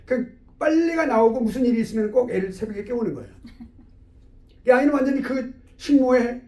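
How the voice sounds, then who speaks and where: A male theology professor telling a story in an animated lecture, in an echoey room away from the mic. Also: very high-pitched, brisk, distant mic. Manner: animated, with acted-out dialogue.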